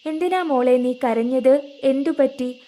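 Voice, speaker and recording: ഒരു വൃദ്ധനായ വല്യപ്പച്ചനായി സൗമ്യമായി സംസാരിക്കുന്ന ഒരു സ്ത്രീ, കഥ വായിക്കുന്നത്. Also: female voice, sits high, measured pace, faint music behind. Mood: tender. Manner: gentle, coaxing. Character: older man, grieving elderly grandfather figure.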